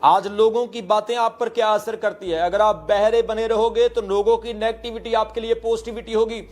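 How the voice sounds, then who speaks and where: A man's voice: high voice, steady tone, normal speed, a little mellow. A male pastor preaching a sermon, telling stories and calling out hallelujahs, with English words mixed into his talk.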